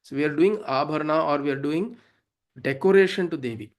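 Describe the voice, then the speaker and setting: Fairly quick and on the high side, a man with a South Indian accent explains devotional verses. He teaches Sanskrit devotional hymns in an informal, didactic manner, regularly asking check-in questions.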